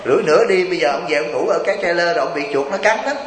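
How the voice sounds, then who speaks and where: Joking monk preaching in an echoey hall. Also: male voice, a little high, very fast, slight background noise. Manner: chatty, joking sermon with rhetorical questions. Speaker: Buddhist monk, abbot. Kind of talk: sermon.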